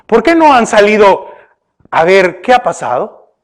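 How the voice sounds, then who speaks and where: A male pastor delivering a sermon, questioning his listeners often and turning from emphatic bursts to hushed remarks. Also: high voice, very animated, a little slow. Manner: preaching with repeated rhetorical questions to the congregation; often addresses listeners with "oiga" and "¿verdad?".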